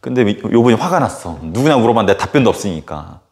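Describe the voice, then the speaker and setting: A man who teaches middle-school history, telling a casual anecdote in a lecture with animated storytelling and lots of filler words. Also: on the low side, quick pace. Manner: animated storytelling full of filler words and sudden acted outbursts.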